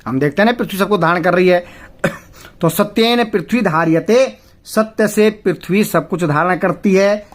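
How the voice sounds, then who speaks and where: A man teaching a class as a Sanskrit teacher, patiently explaining and slowly chanting verses before breaking them down word by word. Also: sits high. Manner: deliberate, with frequent pauses and fillers. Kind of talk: lesson explaining a textbook chapter.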